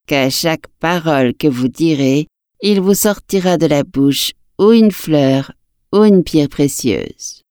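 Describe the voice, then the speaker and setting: A woman voicing a slow, soft-spoken fairy in old-woman guise. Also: low-pitched, lively intonation, clear, resonant tone, no room sound, studio quality. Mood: solemn. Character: kindly fairy disguised as poor old village woman. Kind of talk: storybook reading.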